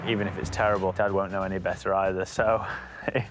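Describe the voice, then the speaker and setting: A young Yorkshire man with a fairly low voice talks casually as a first officer. He is self-deprecating and candid. Music plays prominently behind him. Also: little pitch movement, quick pace. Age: young adult.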